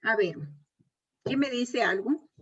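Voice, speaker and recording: Slow and husky, with a fairly high and rather bright tone, a woman lectures at university level about speech disorders. She breaks explanations into steps, repeats what matters most, and checks in with her listeners, heard through a dull lo-fi recording.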